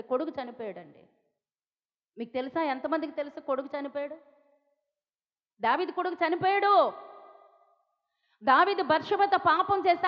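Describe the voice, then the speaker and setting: A woman from India with a Telugu accent, preaching a sermon with emphatic repetition, pleading tone and rhetorical questions. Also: high-pitched. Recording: dull sound with long hall reverb.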